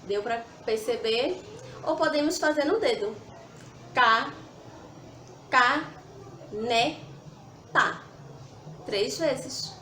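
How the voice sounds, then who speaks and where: A woman's voice: high-pitched, animated, measured pace, slight background noise. A woman teacher giving a children's lesson, patient, sounding words out syllable by syllable. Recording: echoey room with faint ambience.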